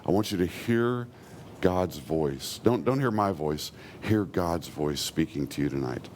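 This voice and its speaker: A man preaching a sermon, earnestly, slowing down and softening when he quotes God's words. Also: low-pitched, animated, a little hiss or hum. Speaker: pastor.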